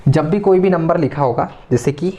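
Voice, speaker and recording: A man's voice: fairly high pitch, moderate pace, mellow. A man giving a maths lecture, explaining patiently step by step and often adding tag questions. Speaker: maths teacher. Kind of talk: classroom lecture.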